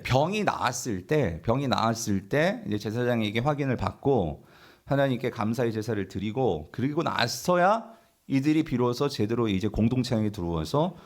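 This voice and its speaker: A male pastor preaching a sermon, asking the congregation questions and answering them himself, now and then acting out the grumbling of the people in the story. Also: medium pitch. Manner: acts out imagined grumbling voices of the people in the story.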